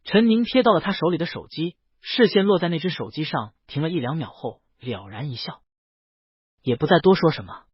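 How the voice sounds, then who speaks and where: Reading a scripted tale a little quickly, this man narrates audiobook-style with a husky, slightly high voice and expressive, shifting intonation. The audio is dry, close and faintly muffled.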